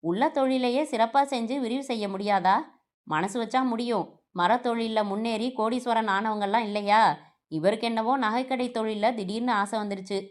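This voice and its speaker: A woman's voice: a little high, moderate pace. A woman narrating a family novel aloud, reading every character's lines in her own voice with small shifts.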